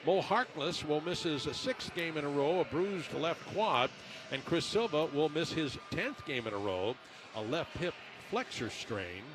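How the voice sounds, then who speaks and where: A man commentating on a basketball pre-game show as the radio broadcaster, in a conversational, halting way. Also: a little high, very animated, background noise.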